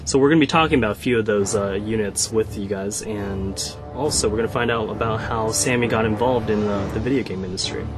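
A man with a fairly low voice hosts a podcast, opening with an upbeat introduction and moving into relaxed questions for his guest. Clear music plays underneath him. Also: a little fast, hardly any pauses. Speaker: podcast host and community manager. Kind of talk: podcast interview.

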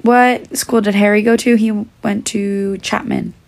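Losing her voice, a young woman chats casually on a phone livestream and takes fan questions, the phone held out at arm's length in a small room indoors. She speaks a little slowly in a steady, mid-range, slightly mellow voice with vocal fry.

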